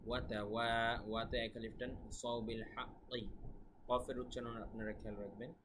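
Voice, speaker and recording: A man teaching Quran recitation, explaining pronunciation patiently and chanting verses slowly at home. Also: medium pitch, level tone, noisy background.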